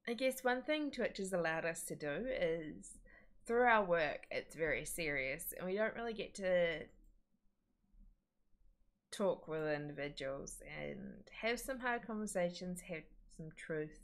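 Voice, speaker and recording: A woman's voice: on the low side, lively intonation, a little slow. A woman co-hosting a livestream, talking casually in a friendly, chatty way. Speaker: livestream co-host.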